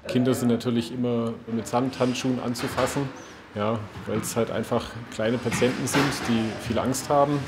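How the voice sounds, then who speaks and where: A man in his thirties, a trauma surgeon in a hospital ward, calmly explaining findings and treatment to patients and camera. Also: medium pitch, normal speed, noisy background. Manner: calm, matter-of-fact, reassuring.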